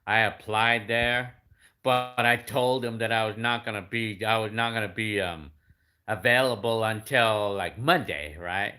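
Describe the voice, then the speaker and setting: A man's voice: fairly low pitch, a little slow, bright, forceful tone. A fifty-year-old man chatting casually as he reads out viewer comments, rambling with many restarts and fillers. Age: 50s. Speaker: YouTube creator answering comments.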